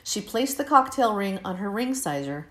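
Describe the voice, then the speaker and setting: A woman in her fifties reading her own personal essay aloud in a candid, steady, measured way. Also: mid-range voice. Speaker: narrator of her own story.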